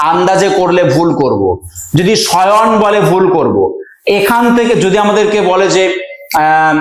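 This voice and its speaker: A man teaching an exam-prep grammar lesson, repeating key items slowly so students can memorize them. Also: high voice. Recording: very echoey room.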